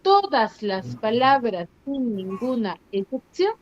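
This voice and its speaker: A woman teacher runs an online lesson at an unhurried pace, her somewhat high voice drawing out syllables and firing short questions at pupils. The call audio is a little dull and muffled. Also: big pitch swings, noisy background. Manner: quizzing, stretching out syllables for emphasis. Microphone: computer mic on a video call.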